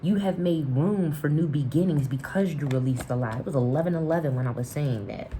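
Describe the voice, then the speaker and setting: Low, mellow-voiced woman reading tarot to camera, reassuring and repetitive. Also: fairly quick, slight background noise. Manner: affirming, repeats herself, restarts with "and, and". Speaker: tarot reader.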